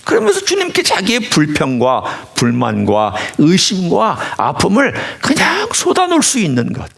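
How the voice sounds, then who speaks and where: A man's voice: high voice, huge pitch swings, moderate pace, vocal fry, fairly bright tone. A male pastor giving a sermon in a church, preaching with animation and putting questions directly to the congregation. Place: church sanctuary.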